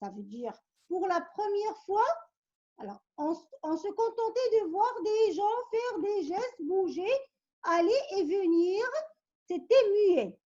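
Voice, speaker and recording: A woman's voice: extremely high pitch, expressive, slow, warm tone, lo-fi sound. A woman teacher reading word riddles to her pupils, patiently coaxing them with questions and hints. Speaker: primary school teacher.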